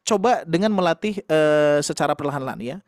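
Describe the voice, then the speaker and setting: A man's voice: on the high side, lively intonation, fairly quick, no echo, studio quality. A man teaching Quran recitation in an online class, explaining patiently and demonstrating sounds with light laughs.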